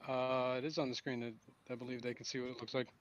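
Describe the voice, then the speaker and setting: A man's voice: mid-range voice, flat delivery, quick pace, lo-fi sound, slight background noise. A man running a tabletop game online as game master, loose and a bit distracted.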